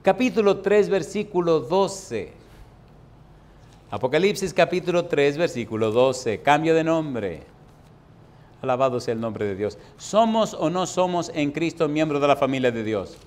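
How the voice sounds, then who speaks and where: A man preaching a sermon, asking the audience questions and reading verses slowly and emphatically. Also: a little high, animated, darkish tone. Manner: emphatic, asks the audience rhetorical questions, reads scripture slowly.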